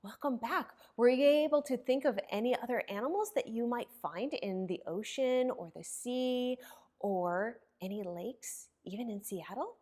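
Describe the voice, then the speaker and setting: A woman librarian with a slightly high voice hosts an interactive story time for young children. She's expressive and sing-song, asking questions and pausing for answers.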